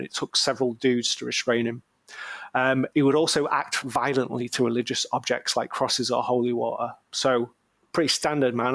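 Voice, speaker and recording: A man with a medium-pitched, slightly bright voice and some vocal fry co-hosts a podcast, recorded with no echo. In casual chat he tells a case story, rambling, slangy and jokey, with plenty of ums.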